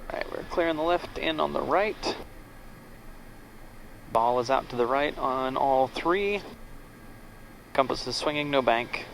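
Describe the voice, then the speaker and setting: A man talks casually over a pilot headset as he narrates cockpit checks and procedures. His voice sits at a middle pitch, with faint aircraft noise behind it. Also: measured pace, vocal fry, long pauses, a bit bright, poor audio. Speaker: pilot and vlog host. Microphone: aviation headset. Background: aircraft cabin noise.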